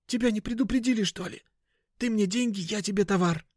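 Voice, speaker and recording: Man doing a hissing middle-aged woman dealer, hushed whisper, high pitch, snappish and nervous, dry close sound. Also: brisk, dry recording. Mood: nervous snapping. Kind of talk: audiobook character voice.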